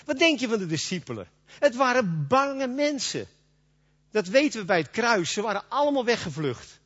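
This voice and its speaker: Guy preaching, chatty and folksy, pretty high voice, kinda husky, dull lo-fi sound. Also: very animated, normal speed, fairly bright tone. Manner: folksy, conversational preaching with acted-out quotes. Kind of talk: sermon. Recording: dull lo-fi recording.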